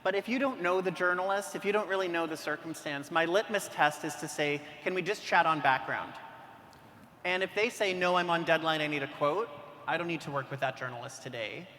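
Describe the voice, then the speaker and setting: A physician speaking on a conference panel, chatty and acting out quoted dialogue, recorded in a reverberant hall. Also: male voice, fairly high pitch, fairly quick, bright, forceful tone. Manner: conversational, acts out quoted dialogue. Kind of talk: panel discussion. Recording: reverberant hall with faint noise.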